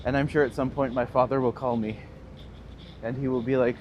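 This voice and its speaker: Speaking a bit fast in a level, mid-range voice, a Northern Ontario–accented man in his thirties livestreams his walk on a city street as a tour guide, laughing and chatting casually with viewers. The recording has its highs cut off, and faint street traffic sits in the background.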